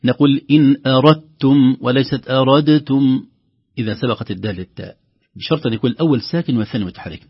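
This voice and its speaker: Husky man teaching slow recitation. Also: medium pitch, lively intonation, no echo. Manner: alternates explanation with slow, drawn-out recitation. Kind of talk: recitation lesson. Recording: lo-fi radio broadcast.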